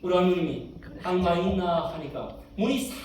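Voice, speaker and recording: Gyeongsang-accented pastor preaching in an echoey church. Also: male voice, high voice, brisk, crowd noise. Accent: Gyeongsang Korean. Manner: storytelling, mimicking grandmothers' dialect voices. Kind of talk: sermon with acted-out anecdotes. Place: church sanctuary. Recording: roomy church hall from far off.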